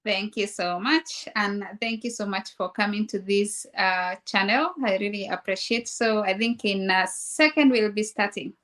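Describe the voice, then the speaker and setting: A woman's voice: medium pitch, moderate pace, hardly any pauses, a bit bright. A woman from Kenya hosting a casual live-streamed interview, chatty and friendly with many fillers. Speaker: host, registered nurse.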